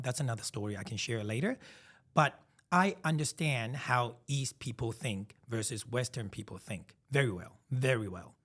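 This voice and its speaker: Man, thirties, from Taiwan; podcast co-host, reflective and emphatic, repeats himself as he works through ideas. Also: medium pitch. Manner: reflective, emphatic storytelling with frequent restarts. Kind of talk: casual podcast chat.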